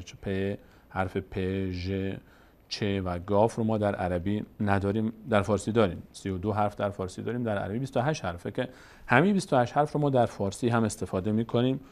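A man teaching how to read the Quran in a broadcast lesson, explaining patiently and slowly, repeating each letter aloud. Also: lowish voice, darkish tone. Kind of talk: televised lesson, explaining step by step.

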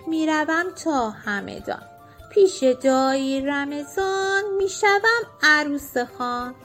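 A woman's voice: sits high, expressive, fairly bright tone, faint music behind. A woman voicing a vain young female cockroach in a children's story, speaking in a haughty singsong way.

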